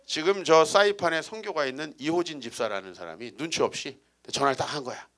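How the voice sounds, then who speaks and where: A man in his forties preaches a humorous storytelling sermon from the pulpit, his voice pitched high and swinging widely up and down. The tone is bright and forward, and he keeps teasing the congregation with rhetorical questions. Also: animated, fairly quick. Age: 40s. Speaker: guest pastor. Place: church sanctuary.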